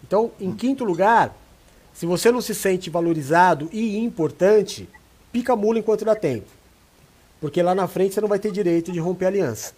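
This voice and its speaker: A man's voice: high voice, brisk, breathy edge. A man, a pastor, giving relationship advice in a casual chat and acting out the people he quotes. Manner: animated, acts out quoted voices. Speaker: pastor and co-host.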